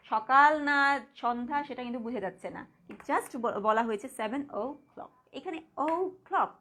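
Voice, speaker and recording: A primary school teacher with a Bangladeshi accent, giving a live online grammar lesson. She talks patiently, repeats words slowly and keeps asking the class questions. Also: a little high, a bit bright.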